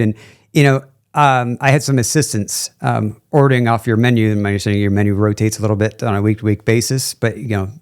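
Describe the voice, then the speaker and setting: A man's voice: on the low side, a little mellow. A man hosting a podcast, asking questions in a friendly, rambling way full of fillers. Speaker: podcast host. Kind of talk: casual podcast interview.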